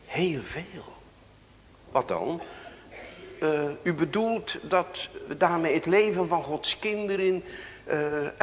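Dutch male pastor, measured sermon delivery, long church reverb. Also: on the high side, fairly bright tone, slight background noise. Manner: reads scripture aloud, asks the congregation questions.

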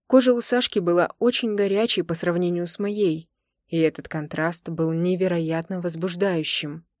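A woman's voice: on the low side, fairly even intonation, normal speed, a little mellow, dry recording, studio quality. Woman reading first-person romance. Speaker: audiobook narrator.

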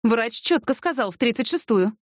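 A woman voicing Yana, a restless young woman who talks in quick, pleading exclamations. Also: on the high side, animated, no room sound, clean studio sound, pitched above the performer's own voice. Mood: flustered.

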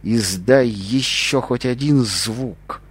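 A man voicing a cruel, mocking interrogating captain in an audiobook, with slow, drawn-out threats. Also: mid-range voice, close to an everyday voice. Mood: hissing.

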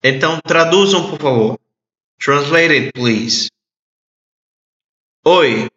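Slow, bright-voiced man drilling phrases. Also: on the high side, animated. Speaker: English teacher. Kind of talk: audio language lesson. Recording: echoey, dull lo-fi audio.

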